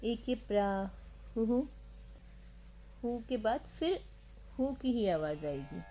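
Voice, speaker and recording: A woman who teaches chanting of Sanskrit verses. She chants each line slowly, then patiently explains how to pronounce it. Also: on the high side, expressive, dark tone. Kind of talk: slow chanting lesson with spoken explanations.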